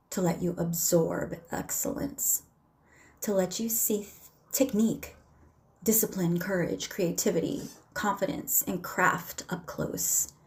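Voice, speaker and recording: A woman's voice: fairly low pitch, a little mellow. A woman delivering an inspirational faith-based monologue to camera, emphatic and drawn out, with some words dropped to a near whisper. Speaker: vlogger.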